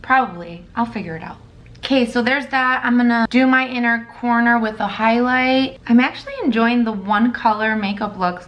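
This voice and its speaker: A raspy-voiced woman in her thirties, chatting casually as she walks through a makeup tutorial. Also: mid-range voice, dull audio. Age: 30s. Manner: rambling, chatty, narrating as she works. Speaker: makeup vlogger.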